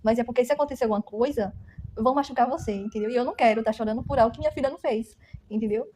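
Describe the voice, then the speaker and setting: Woman doing a protective brazilian mom warning her daughter, fast earnest talk, dark tone. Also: on the high side, a little hiss or hum, close to an everyday voice. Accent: Brazilian Portuguese.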